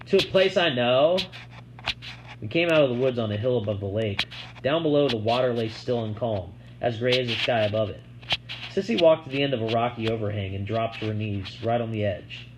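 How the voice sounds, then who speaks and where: A man narrating a first-person novel chapter aloud in a steady, plain storytelling manner. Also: fairly low pitch, fairly quick, noisy background. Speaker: audiobook narrator.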